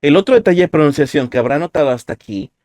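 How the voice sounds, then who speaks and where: Speaking very fast with lively intonation, this man's high-leaning, darkish voice leads a live-streamed language lesson, patiently walking through pronunciation examples one step at a time. The sound is clean studio audio and dry.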